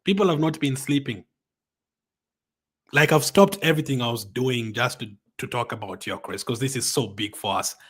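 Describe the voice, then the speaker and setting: A man hosting a live stream, reading viewer comments aloud in an excited, chatty way, often adding "um" and "man". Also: medium pitch, moderate pace, slightly rough. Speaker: fan channel host.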